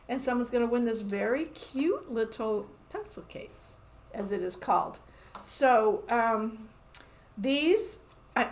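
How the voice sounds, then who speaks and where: Chatty, upbeat woman hosting a live show. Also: mid-range voice. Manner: chatty, upbeat, laughs often. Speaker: quilt shop host. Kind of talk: casual live show-and-tell. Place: quilt shop.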